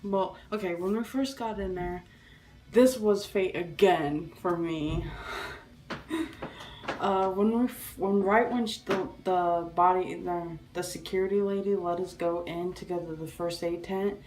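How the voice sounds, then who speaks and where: A young woman telling a story in a casual vlog, excitable and rambling, with many restarts and fillers. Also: fairly low pitch, measured pace, distant mic, rough recording. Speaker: vlogger.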